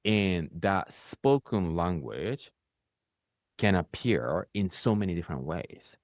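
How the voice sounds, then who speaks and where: He's a spiritual coach with a low, animated voice who takes his time while hosting a reflective conversation in English, a later language for him, with a Japanese accent. He speaks in rising bursts and regularly checks in with a closing "right?". Clean studio sound, no room noise.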